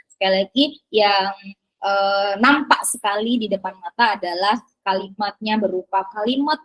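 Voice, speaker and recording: A woman's voice: mid-range voice, poor audio. A woman teacher presenting to fellow teachers, talking with many fillers and tag questions.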